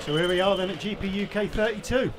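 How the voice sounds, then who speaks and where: A man commentates live on a cage fight in a fairly high voice. A noisy crowd is clearly heard behind him. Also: quick pace, music in the background. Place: indoor fight venue.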